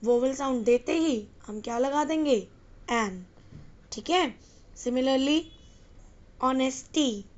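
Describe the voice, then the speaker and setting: Woman teacher, high-pitched, quizzing tone, muffled lo-fi sound. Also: takes it slowly, a little mellow. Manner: questions the class and answers herself. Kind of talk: exam-prep English grammar lesson.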